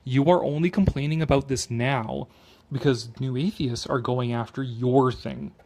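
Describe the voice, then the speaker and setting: The commentator, a little tipsy from drinking, speaks at a moderate pace in a medium-pitched, darkish voice. His unscripted take is sarcastic and exasperated, delivered emphatically with plenty of profanity.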